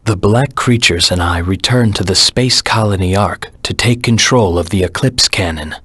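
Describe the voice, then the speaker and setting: An actor voicing a brooding, vengeful anti-hero hedgehog in a video game, with a husky rasp and a grim, terse, dramatic delivery. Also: male voice, moderate pace, fairly bright tone, no room sound. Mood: grim, recounting. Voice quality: low, husky, gravelly rasp.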